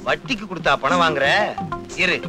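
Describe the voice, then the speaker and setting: An actor playing a sly comic swindler full of whining excuses, in a film with music behind. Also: male voice, fairly high pitch, brisk, natural voice, low-quality recording. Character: wily comic swindler husband.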